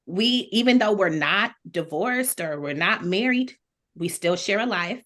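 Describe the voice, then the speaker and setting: On a podcast, a panelist from Toledo, United States, speaks casually and outspokenly, full of opinions, slang and swearing. Her medium-pitched voice is expressive and a bit bright, delivered at a measured pace.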